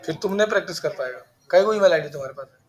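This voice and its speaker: A man teaches students in a small computer classroom, brisk and scolding, though he drifts into chatty asides between instructions. His voice is on the high side and expressive.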